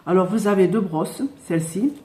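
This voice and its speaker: A woman, unboxing her haul in a casual chat, pausing often with fillers and speaking a little loudly on purpose. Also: fairly low pitch, echoey room. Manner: hesitant, many filler pauses. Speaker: unboxing vlogger.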